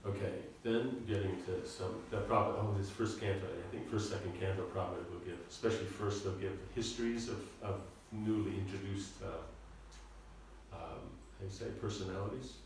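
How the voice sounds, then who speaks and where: Speaking with fairly even intonation in a low voice, this male spiritual teacher leads a scripture seminar, faltering, repeating himself and urging listeners to keep up. The recording is distant and echoey, with a little hiss or hum.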